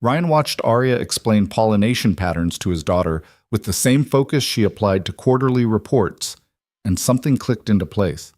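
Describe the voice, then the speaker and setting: A man reads a scripted story in an even, measured way. His voice sits on the low side and the recording is dry and close. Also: dry recording. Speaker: narrator.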